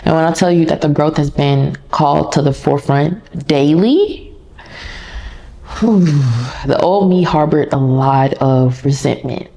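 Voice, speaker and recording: A woman's voice: low voice, unhurried, gravelly, warm tone. A woman podcast host telling a personal story in a candid, casual, conversational way, talking straight to her listeners.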